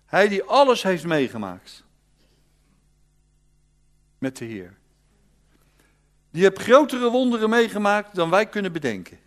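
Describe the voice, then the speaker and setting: A male preacher, giving an animated storytelling sermon that swings from loud to hushed. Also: sits high, a little slow, pauses often.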